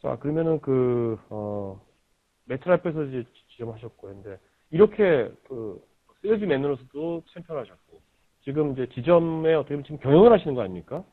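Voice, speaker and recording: A man's voice: mid-range voice, expressive, a little fast. A man hosting a book interview, asking probing questions and often murmuring agreement. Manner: probing, frequent backchannel agreement. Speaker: interviewer, host. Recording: tinny lo-fi radio-like audio.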